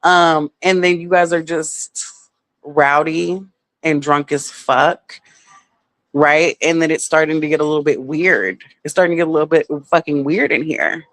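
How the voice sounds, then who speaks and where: A woman's voice: low voice, measured pace, fairly bright tone, no echo. A woman telling a personal story in a casual vlog, candid and heavily profane, full of filler words.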